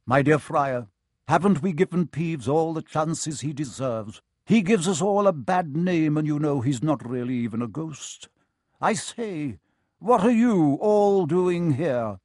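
A man's voice: a little high, lively intonation, measured pace, darkish tone, no echo, clean studio sound, pitched above the performer's own voice. A man voicing a pompous, aristocratic male ghost who speaks in a haughty, declaiming way.

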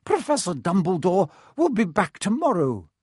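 A strict, brisk older female professor from a storybook, voiced by a man. The voice is pitched high and swings sharply, with clipped, coldly formal and imperious delivery. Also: wildly swooping pitch, mellow, husky, no room sound, clean studio sound, full character voice. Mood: firm, curt.

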